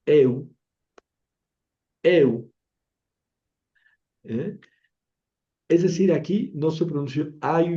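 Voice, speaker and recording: Slow, dark-voiced male teacher. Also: mid-range voice, muffled recording. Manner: chatty, self-mocking, repeats words for pronunciation drills. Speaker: Biblical Greek teacher. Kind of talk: informal classroom lecture.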